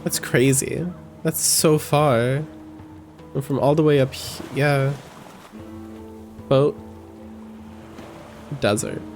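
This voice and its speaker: A man's voice: medium pitch, fairly even intonation, takes it slowly, pauses often, soft background music. A man streaming a game live, giving wry, joking, chatty commentary.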